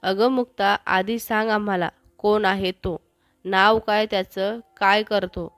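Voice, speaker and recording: A woman reading as a calm, reasonable uncle. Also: mid-range voice, unhurried, no echo, soft background music, lightly acted. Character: middle-aged uncle, reasonable.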